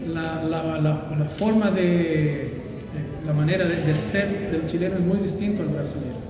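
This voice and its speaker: A pastor who grew up in Brazil, answering interview questions in a thoughtful, hesitant way with many fillers. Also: male voice, a little high, a little slow, very echoey, long reverb tail, far from the mic, music in the background, poor audio.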